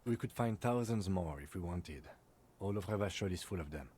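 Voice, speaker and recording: A man voicing a calm, reserved police lieutenant in a video game, speaking in a dry, precise, deadpan way. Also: low-pitched, fairly quick, a little hiss or hum. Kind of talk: game voice acting.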